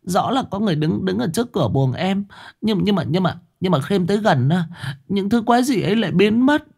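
A man voicing a frightened young village wife who stammers and pleads in a hushed, raised voice. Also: high-pitched, lively intonation, fairly quick, gravelly, husky, pitched above the performer's own voice, full character voice. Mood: frightened stammering.

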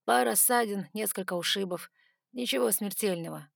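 A woman's voice: medium pitch, moderate pace, creaky, no echo, clean studio sound. A woman voicing a sly, sarcastic male ice dragon who talks in a teasing, offhand way.

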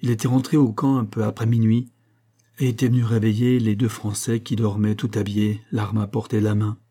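A man reading an adventure novel aloud in an even, deliberate storytelling manner. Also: fairly low pitch. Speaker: narrator.

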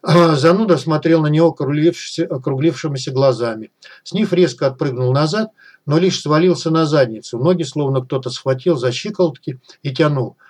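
A man's voice: a little high, a little fast, a little mellow. A middle-aged man narrating a novel aloud, lifting his voice a little for the characters' lines. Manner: reads dialogue with small raised voices for characters. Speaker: audiobook narrator. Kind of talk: scripted narration.

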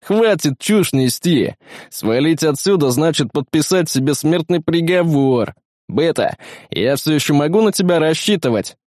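A man voicing a brash, crude male space marine in a storybook reading, gruff and barking. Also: on the high side, sing-song, moderate pace, a little mellow, dry recording, clean studio sound, voice pushed up. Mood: barking orders. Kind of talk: audiobook character voice.

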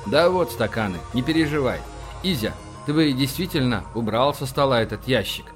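A man's voice: mid-range voice, lively intonation, normal speed, faint music behind, close to an everyday voice. A man voicing a shrewd, sardonic male admiral in a sci-fi audiobook, dry and conspiratorial.

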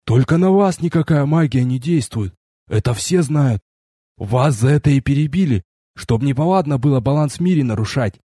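A man reading an audiobook, voicing an agitated, insistent young male army conscript in a husky voice. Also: mid-range voice, expressive, normal speed, warm tone, no echo, clean studio sound. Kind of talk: audiobook character voice.

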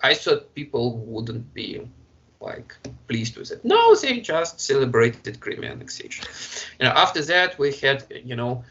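A man from Russia with a Russian accent, speaking English in a halting way with many fillers and restarts as an interview guest. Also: medium pitch, huge pitch swings, fairly bright tone, dull audio. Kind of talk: conversational interview.

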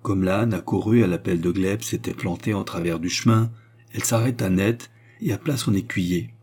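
Male audiobook narrator, low, mellow, husky, measured delivery. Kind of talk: audiobook reading.

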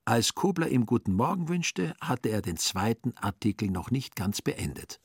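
A man narrating a radio play in a calm, ironic storytelling manner. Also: medium pitch, moderate pace, slightly rough, no echo.

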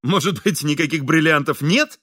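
A stern, self-assured swindler, as a man voices him in an audiobook reading, lower than the narration and curt in every order. The voice stays bright and forceful in a dry, close sound. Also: moderate pace, breathy edge, no echo. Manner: curt, commanding. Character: stern, confident male swindler.

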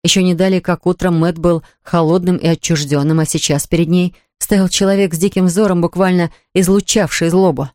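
An audiobook narrator reading a novel in measured, scripted narration. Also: medium pitch, fairly even intonation, a little mellow, no room sound, clean studio sound.

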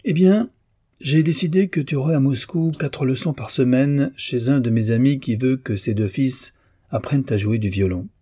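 Guy doing a teasing ironic doctor, kinda husky, dry close sound. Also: mid-range voice, moderate pace, mellow, no echo, voice pushed up, lightly acted. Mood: wry. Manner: bantering, ironic. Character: wry amused male doctor, teasing and generous.

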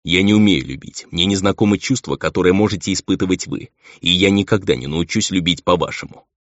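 A man plays a brooding half-demon envoy in an audiobook, low-voiced and stern. He speaks harshly and insistently. The recording is dull, lo-fi and completely dry. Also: fairly quick, no room sound, close to an everyday voice.

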